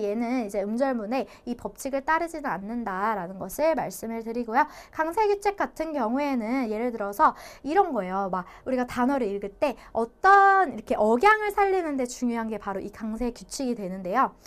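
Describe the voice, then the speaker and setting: Lively high-voiced woman teaching a lesson. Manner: explanatory, repeats key points, playful asides. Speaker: Spanish language teacher. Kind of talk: online lecture.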